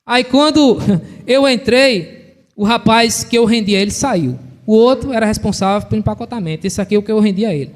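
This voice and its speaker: A man with a Brazilian accent preaching a fervent evangelical sermon in a church, telling stories and rising to shouts. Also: high-pitched, fairly quick. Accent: Brazilian Portuguese. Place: church hall. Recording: long church-hall reverb.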